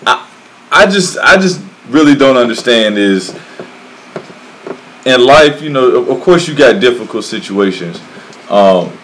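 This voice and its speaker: Male, average pitch, very animated intonation, slangy bro-to-bro conversational delivery. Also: a little slow, long pauses, low-quality recording. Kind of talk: casual chat among male friends.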